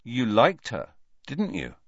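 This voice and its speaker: [name]: a man doing a quiet, insistent teenage boy. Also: medium pitch, wildly swooping pitch, slow, no echo, lo-fi sound, voice pushed up, heavily acted. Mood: firm. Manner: quiet, level, pressing.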